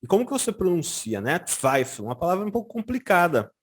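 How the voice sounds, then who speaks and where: A Brazilian man teaching German in a casual lesson, often checking in with "tá?" and saying German examples slowly and carefully. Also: sits high, husky. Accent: Brazilian Portuguese. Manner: lively, frequent "tá?" check-ins, slow careful German examples. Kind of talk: casual explanatory language lesson.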